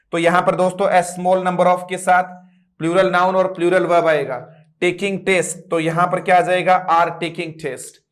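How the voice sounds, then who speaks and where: A man with a Rajasthani Hindi accent teaching English grammar, reading example sentences slowly and drilling his students with frequent check-ins. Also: high-pitched, fairly bright tone. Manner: drills students, repeats "ठीक है" and "मित्रों". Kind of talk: classroom lesson.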